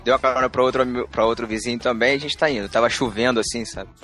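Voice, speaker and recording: A man, a podcast co-host, telling a story in casual chat, animated, laughing often and repeating himself. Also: medium pitch, racing, soft background music.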